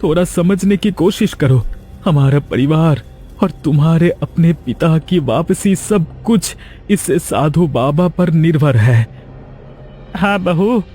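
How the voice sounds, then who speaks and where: Man playing a young cartoon husband, anxious, eager, high-pitched, pleading. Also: darkish tone. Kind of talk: cartoon voice acting.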